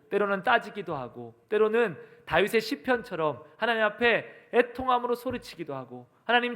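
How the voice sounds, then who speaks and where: A man's voice: on the high side, fairly bright tone. A middle-aged male pastor preaching a sermon, stressing rising questions to the congregation.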